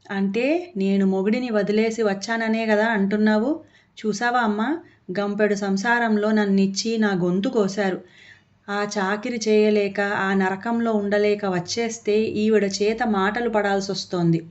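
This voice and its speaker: A woman's voice: mid-range voice, steady tone, normal speed, lightly acted. A woman voicing a demanding, self-pitying grown daughter in a storybook reading. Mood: aggrieved. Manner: demanding, tearful. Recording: dull lo-fi audio.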